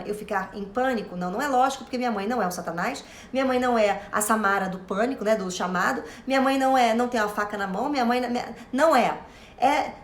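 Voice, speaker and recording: A woman's voice: fairly high pitch, echoey room. A woman with a Brazilian Portuguese accent giving an informal self-help lecture, chatty and theatrical, calling her listeners love and dear.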